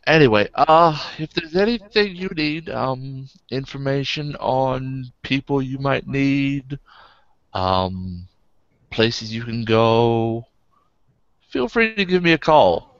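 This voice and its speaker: A man voicing a smooth, secretive male information broker who speaks in an unhurried, knowing way. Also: medium pitch, animated, dry recording, lo-fi sound, voice pushed up.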